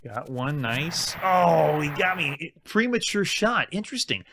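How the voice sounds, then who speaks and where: Young male streamer, upbeat casual commentary, voice sitting a touch high. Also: very animated, measured pace, noisy background. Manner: enthusiastic, chatty, frequent laughs. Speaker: gaming stream host.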